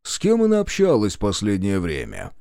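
A man's voice: fairly low pitch, wildly swooping pitch, normal speed, gravelly, mellow, dry recording, clean studio sound, exaggerated voice. A man playing a sly, probing detective. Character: cunning, intimidating male detective.

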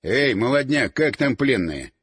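A man voicing a stern, gruff middle-aged father giving orders in an audiobook. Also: medium pitch, sing-song, a little slow, a bit bright, voice pushed down, heavily acted. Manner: gruff, commanding.

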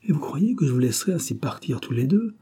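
A man's voice: mid-range voice, big pitch swings, quick pace, vocal fry, mellow, slightly rough, voice pushed up, full character voice. A man reading an audiobook, voicing an insistent, protective old father.

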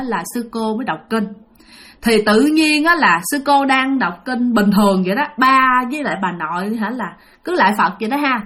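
Telling a ghost story in a chatty style, this woman talks directly to her listeners and leans on plenty of fillers. Her voice is a little high and a bit bright.

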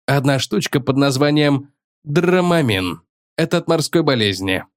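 A man's voice: medium pitch, animated, unhurried, dry recording, clean studio sound, natural voice. A man voicing a ship's doctor who speaks in a faint, strained voice, as an audiobook character voice. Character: weak-voiced male ship doctor.

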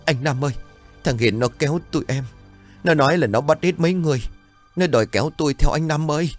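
A man voicing a terrified young fisherman who whimpers and talks in a high, frantic rush. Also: a little fast, soft background music, natural voice. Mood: frightened whimpering.

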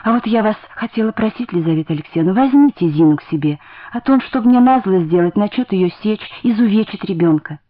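A woman's voice: mid-range voice, animated, fast talker, phone-quality sound, lightly acted. A woman voicing a downtrodden young wife in a dramatic reading, agitated and pleading. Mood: weary.

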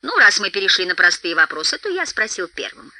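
A woman's voice: medium pitch, very animated, fairly quick, pushed and bright, no echo, pitched below the performer's own voice. A woman voicing a timid male hobbit in an audiobook, speaking earnestly and a bit anxiously. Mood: insistent.

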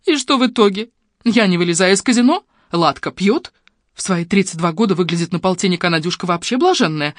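A man voicing a scheming, frightened woman in an audiobook, high and whiny as she pleads. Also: expressive, brisk, a bit bright, no room sound, studio quality. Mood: bitter. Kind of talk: audiobook character reading.

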